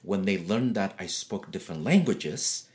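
Older man telling animated stories, low voice. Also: moderate pace. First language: not English. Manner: animated, acts out voices in his stories, laughs often. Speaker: interview guest. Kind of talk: casual storytelling.

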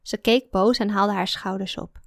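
A woman's voice: medium pitch, fairly even intonation, normal speed, creaky, no room sound. Woman reading a first person story, kinda introspective, dry booth sound. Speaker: audiobook narrator. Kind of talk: first-person scripted narration.

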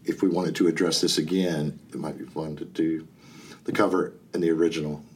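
A man co-hosting a relaxed chat, talking haltingly with many fillers and restarts. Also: extremely low pitch, slight background noise. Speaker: podcast co-host. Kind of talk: casual chat about cover songs.

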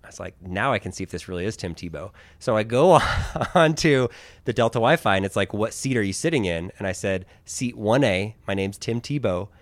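A man hosting a casual interview, telling stories with lively acted-out quotes. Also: lowish voice, a little fast, no room sound. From Philippines. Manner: animated storyteller, acts out quotes. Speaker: host.

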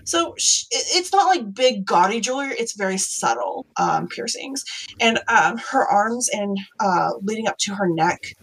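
A woman's voice: mid-range voice, sing-song, normal speed, fairly bright tone, husky, poor audio. A woman running a tabletop game as game master, narrating in a rambling, hesitant way full of fillers.

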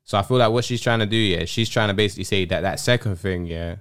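A man's voice: fairly low pitch, fast talker, a bit bright, smooth. A man with a London roadman accent giving casual podcast commentary in street slang, reasoning through comparisons.

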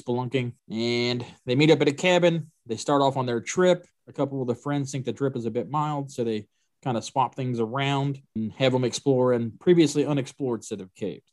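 A man co-hosting a movie podcast, talking casually and self-deprecatingly about films. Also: mid-range voice. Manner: self-deprecating, laughs easily. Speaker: podcast co-host. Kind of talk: casual chat.

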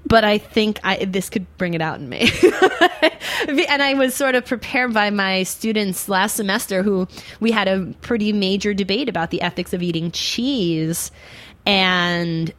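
A woman hosting a casual talk show, speaking in an animated, argumentative and jokey way. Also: medium pitch, normal speed. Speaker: host.

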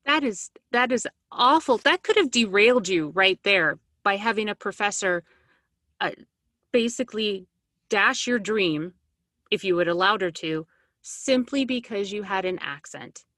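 A woman's voice: mid-range voice, animated, a little slow, a bit bright, no room sound, studio quality. A woman hosting an interview, supportive and affirming toward her guest. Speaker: interview host. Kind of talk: interview conversation.

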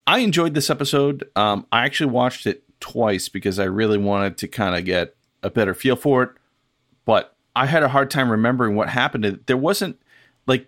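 Relaxed male podcast co-host, dry sound. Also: on the low side, dry recording. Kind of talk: casual chat.

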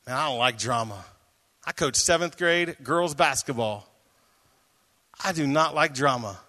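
A man preaching a sermon as pastor, reading scripture aloud and joking with his listeners in an animated way. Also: medium pitch, measured pace. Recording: long hall reverb.

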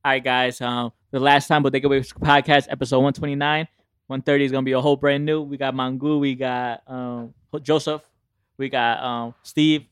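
A man's voice: mid-range voice, level tone, normal speed, smooth, no room sound, clean studio sound. A man hosting a casual podcast chat, slangy and joking in how he talks. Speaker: podcast host.

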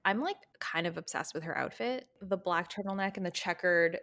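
A woman hosting a podcast, chatting casually and laughing often, sometimes mimicking characters in a high breathy voice. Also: a little fast, a bit bright. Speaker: podcast host. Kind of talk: casual chat.

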